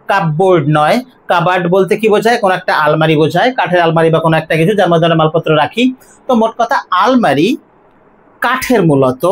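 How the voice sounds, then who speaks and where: An English teacher gives an online lesson, asking questions and then repeating each word slowly to drill its pronunciation. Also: mid-range voice. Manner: poses questions to the viewer, then answers them.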